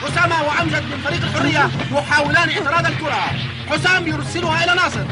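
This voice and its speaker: A cartoon football commentator with a very high, fast delivery. He calls the play urgently and suspensefully, piling up dramatic questions over loud music. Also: a loud crowd. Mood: excited. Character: excited male football match commentator.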